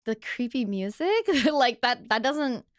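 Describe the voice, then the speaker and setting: A woman's voice: on the high side, lively intonation, slow pace, no room sound, studio quality. A woman hosting a podcast, telling stories in a casual chat with lots of fillers and laughter. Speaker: podcast host.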